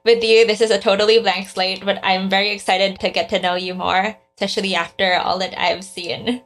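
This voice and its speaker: A woman's voice: medium pitch, fairly bright tone. Curious woman podcast host. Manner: friendly, curious questioning. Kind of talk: interview hosting.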